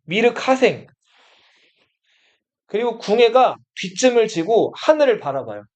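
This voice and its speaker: This dull, lo-fi recording captures a man teaching Korean history in a study room classroom. His voice is high-pitched, sing-song, and darkish in tone, and a little slow. He keeps asking students questions, then supplies the answers himself.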